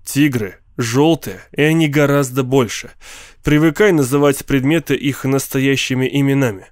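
A man's voice: mid-range voice, moderate pace, no echo, natural voice. A man reading a story aloud, voicing a cold, irritable husband and scientist who snaps curt orders at his family. The room is dry. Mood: scornful.

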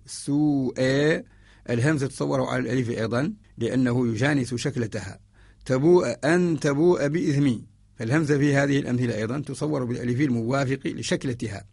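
A man from Mauritania giving a radio lesson on Quran orthography. He explains each point in a measured way and chants the verses he quotes. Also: medium pitch, gravelly, darkish tone, slightly rough, dry recording, clean studio sound.

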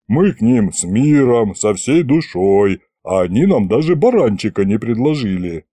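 Big hungry dragon, slow plaintive rumble; male reader. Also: big pitch swings, mellow. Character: huge three-headed dragon, hungry and grumbling.

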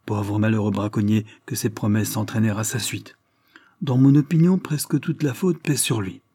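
A man reading the part of a shrewd, authoritative police chief in an audiobook, measured and explanatory. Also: on the low side, dark tone, breathy edge, no echo. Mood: firm.

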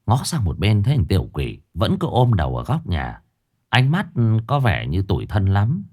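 Low, lively male ghost-story teller. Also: normal speed, husky. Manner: lively, folksy, expressive.

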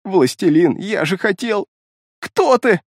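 A man's voice: high-pitched, animated, moderate pace, no echo, voice pushed up. A man voicing a terrified, half-mad male beast-man who pleads and babbles frantically, in an audiobook. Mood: crazed.

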